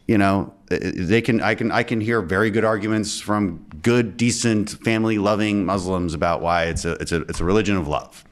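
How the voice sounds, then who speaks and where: A man from the United States hosting a casual podcast interview. His voice sits very low. He talks loosely, with restarts and the odd chuckle. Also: steady tone, brisk, few pauses. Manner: conversational, stumbling restarts, chuckles. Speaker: host.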